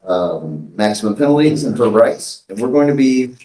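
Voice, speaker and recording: A male defense attorney speaks formally to the bench, halting over fillers as he lays out the charges. His voice sits at a middle pitch and is caught in a courtroom recording, with the room's echo ringing around him and a sense that he stands a little off the mic. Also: lively intonation, dark tone.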